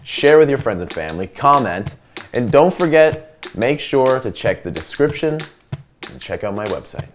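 A young man hosts a comedic cooking show from a home kitchen, presenting in an overeager, showy way. His pitch swings about a lot, and faint music plays underneath. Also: very animated, moderate pace. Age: young adult.

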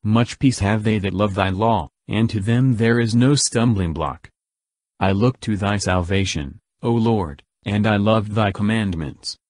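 A man reading the Psalms aloud in a measured, solemn, verse-by-verse delivery. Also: lowish voice, darkish tone, dry recording. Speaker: scripture reader.

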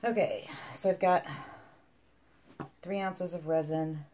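Low-pitched woman, casual craft demo. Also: fairly even intonation, slow, warm tone, a little hiss or hum. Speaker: resin craft demonstrator. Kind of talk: casual craft tutorial narration.

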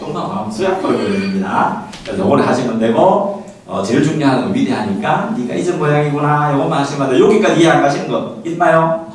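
Male parenting lecturer, animated and higher-pitched, heard from far off in a very echoey hall. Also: fast. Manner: lively, acts out quoted parents and children; laughing often with the audience.

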